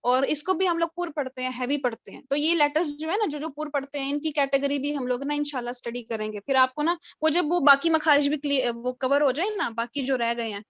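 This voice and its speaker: A woman's voice: high-pitched, brisk, few pauses, fairly bright tone, dry recording. A woman teaching a tajweed class over a video call, drilling letter sounds again and again. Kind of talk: online class lecture. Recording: dull lo-fi video call audio.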